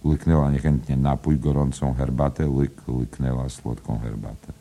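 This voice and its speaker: Deep-voiced man, dark and husky, narrator reading a literary audiobook. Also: fairly even intonation, moderate pace. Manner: rhythmic, musical reading with wordplay.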